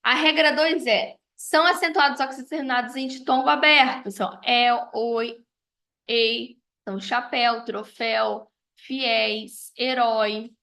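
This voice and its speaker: A woman's voice: a little high, fairly even intonation, measured pace, sharp tone. A woman, reviewing grammar as a teacher and listing examples one after another with frequent tag questions. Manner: explanatory, lists examples, frequent "né?" and "tá?".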